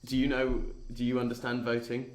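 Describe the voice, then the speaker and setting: A man playing a tabletop game, talking casually in halting bursts with many restarts. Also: medium pitch, monotone, a little mellow, reverberant. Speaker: player.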